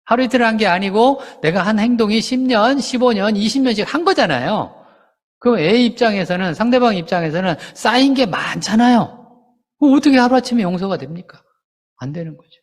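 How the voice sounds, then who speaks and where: A man's voice: sits high, a little fast. A man preaching as a pastor, talking in a conversational way with rhetorical questions and briefly acting out quoted people. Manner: animated, acts out quoted parents and children. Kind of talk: sermon. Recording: long hall reverb.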